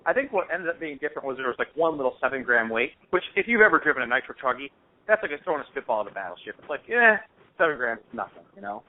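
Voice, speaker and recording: Rapid-fire and sing-song at medium pitch, this man chats casually over the phone, spinning informal, slangy, rambling stories. He hosts a hobby show, and the call audio is dull and lo-fi.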